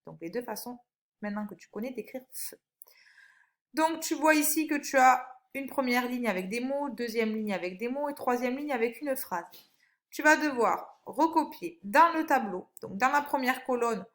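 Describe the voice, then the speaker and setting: A woman, a primary school teacher, giving a recorded phonics lesson for young children, with slow, clear and encouraging instructions. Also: high voice. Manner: stretches out single words when reading them aloud.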